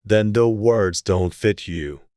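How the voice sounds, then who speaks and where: Man as smug storybook king, lowish voice, unhurried, deliberate, full of himself. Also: darkish tone, dry recording, clean studio sound. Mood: pompous. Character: self-satisfied, pompous, slow-witted storybook king.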